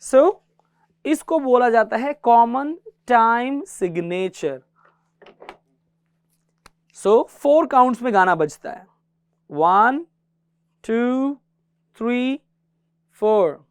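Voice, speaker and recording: A man's voice: very high voice, animated, very slow, pauses often, smooth, dry recording. A man teaching a guitar class, patiently counting beats aloud and mixing English terms into his explanations. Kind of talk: classroom music lesson.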